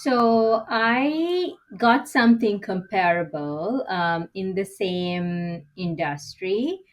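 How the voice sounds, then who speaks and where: Appearing as a guest executive coach, a middle-aged woman from Sri Lanka responds to interview questions with candor and reflection, frequently ending with "right?". Her medium-pitched voice is animated, though she takes her time.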